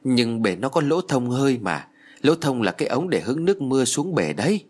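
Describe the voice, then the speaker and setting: A man's voice: medium pitch, sing-song, darkish tone. A man doing a tearful old grandmother. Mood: puzzled. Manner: wailing, drawn-out lament. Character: grieving elderly grandmother, tearful and lamenting.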